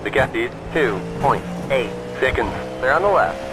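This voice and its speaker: A man's voice: mid-range voice, lively intonation, normal speed, over music, rough recording. A man acting as race spotter, giving short, clipped, repeated traffic calls to a driver. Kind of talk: terse spotter calls over team radio.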